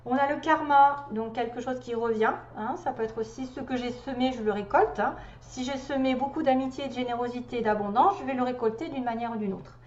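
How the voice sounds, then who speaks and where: A woman's voice: a little high, darkish tone. A woman doing a casual tarot card reading for viewers, thinking aloud and chatty as she turns each card. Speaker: tarot reader. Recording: echoey room, dull lo-fi sound.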